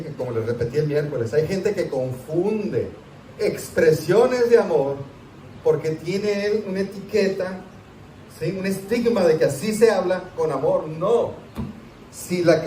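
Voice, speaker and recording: A man teaching Sunday school in a church, talking in a conversational and animated way and throwing rhetorical questions at his listeners. His voice is a bit high and mellow. It is picked up from a distance in a roomy, echoing hall with faint background noise. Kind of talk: sermon teaching. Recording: echoey church room, distant mic.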